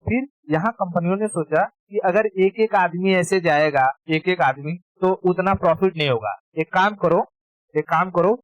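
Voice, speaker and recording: A man's voice: sits high, moderate pace, dry recording, highs cut off. A man teaching history in a casual exam-prep lecture, informal, repeating key terms and checking that students follow.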